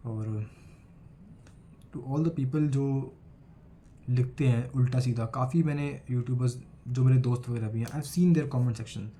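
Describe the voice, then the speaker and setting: An earnest 18-year-old student vlogger with an Indian accent, recovering from a cold, addresses the camera in a casual vlog using both Hindi and English. His mellow mid-range voice keeps a measured pace and pauses often, with a little hiss or hum in the recording.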